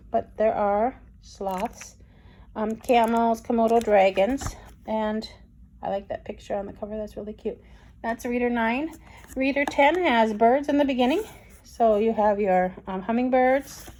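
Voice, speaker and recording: A young woman giving a casual review of a reading program, talking quickly and excitedly with frequent ums. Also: on the high side, a little hiss or hum. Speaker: homeschool curriculum reviewer.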